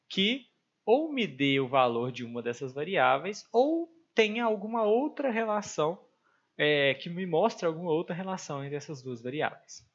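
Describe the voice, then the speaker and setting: Male math teacher, Brazilian accent, fairly high voice, chatty and patient, dull lo-fi recording. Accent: Brazilian Portuguese. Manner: conversational, thinks aloud with fillers. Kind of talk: explaining exam problems step by step. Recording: dull lo-fi sound.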